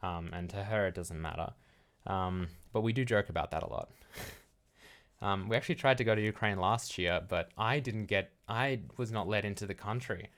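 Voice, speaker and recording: A man's voice: on the low side, a little fast, fairly bright tone. A young man chatting casually on a live stream, answering chat questions in a rambling, frank way full of fillers.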